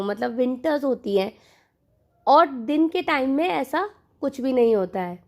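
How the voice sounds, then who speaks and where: A woman's voice: sits high, a little mellow. A woman teaching an online lesson, mixing Hindi and English and repeating key terms for her learners. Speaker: online exam-prep teacher. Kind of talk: Hindi-English mixed lecture explaining to learners.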